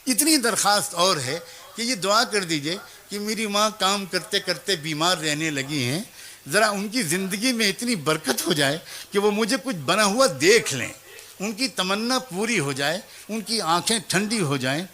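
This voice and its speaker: Bright high-voiced man telling a sermon story. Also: animated. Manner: emotive, voices the teacher, child and mother in turn; addresses mothers and young people directly. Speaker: preacher.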